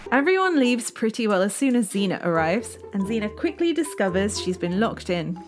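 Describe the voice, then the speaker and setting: A woman's voice: medium pitch, big pitch swings, normal speed, loud music behind the voice. A woman hosting a review show, narrating with wry, sarcastic humor. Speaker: host reviewing a TV series.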